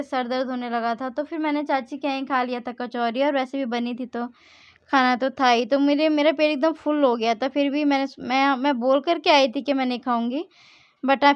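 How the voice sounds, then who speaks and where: A young woman from India vlogs in a high, smooth voice, chatting and rambling while often correcting herself mid-sentence. The audio is lo-fi with no echo.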